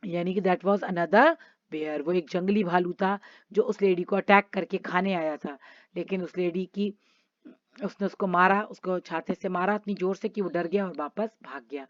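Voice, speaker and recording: A woman teacher, reading each English line of a story slowly and then explaining it. Her voice sits at a medium pitch. The recording is dry and a little dull, as if made at home. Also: no room sound. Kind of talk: explaining a school lesson.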